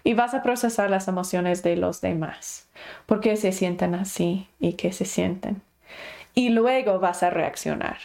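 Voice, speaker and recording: A woman's voice: on the low side, unhurried, gravelly, a little mellow. Woman teaching a class, acting out voices. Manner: explanatory, acts out inner voices. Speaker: instructor. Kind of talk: online class talk.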